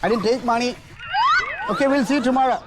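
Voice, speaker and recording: A boastful Gulf returnee. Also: male voice, very high voice, drawn-out words, heavy background noise, exaggerated voice. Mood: smug. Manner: pompous, insists on speaking English. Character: Gulf returnee man showing off broken English. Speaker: comic lead in a sitcom.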